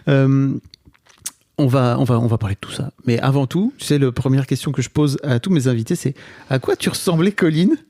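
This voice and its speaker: Teasing male podcast host, mellow tone. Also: medium pitch, brisk, no echo, clean studio sound. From northern France. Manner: teasing, relaxed, filler-heavy. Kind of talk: casual podcast interview. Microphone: studio microphone.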